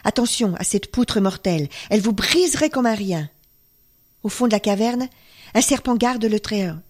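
A woman's voice: medium pitch, animated, normal speed, natural voice. A woman storyteller voicing a frail young enchanted girl who pleads and urges in a storybook tale. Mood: urgent. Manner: pleading, pressing.

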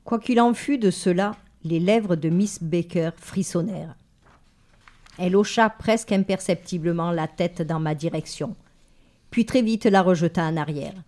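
Low, mellow-voiced woman reading a novel. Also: moderate pace. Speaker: audiobook reader. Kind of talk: read-aloud literary narration.

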